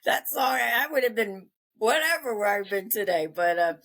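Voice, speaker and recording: An older woman from Long Island, New York, telling personal stories casually as a podcast guest, halting and repeating her phrases. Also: mid-range voice, expressive, fairly bright tone.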